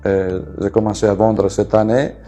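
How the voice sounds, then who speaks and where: A man's voice: fairly low pitch, flat delivery, moderate pace, mellow, faint music behind. A businessman from the Venice region with an Italian accent, presenting his companies in French with many fillers and restarts. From Venice region, Italy.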